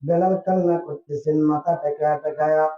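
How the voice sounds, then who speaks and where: Brief: male preacher, high singsong sermon delivery, heard from afar through a thin phone-like line. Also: steady tone, a little fast, faint music behind. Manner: melodic, sweeping swings into loud cries. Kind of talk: sung-spoken sermon storytelling. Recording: echoey, distant, tinny phone-like sound.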